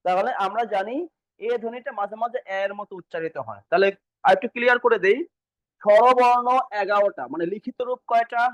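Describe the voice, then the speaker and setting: High-voiced man teaching a grammar lesson. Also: fairly quick, no echo, poor audio. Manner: repetitive, quizzing students and answering himself. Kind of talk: exam-prep grammar lesson.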